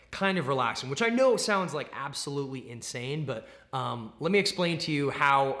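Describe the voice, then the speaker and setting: Male athlete vlogger, conversational and explanatory, medium-pitched voice with emphatic repeats. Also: fairly bright tone. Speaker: athlete vlogger, competitive swimmer. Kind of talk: casual explanatory vlog talk.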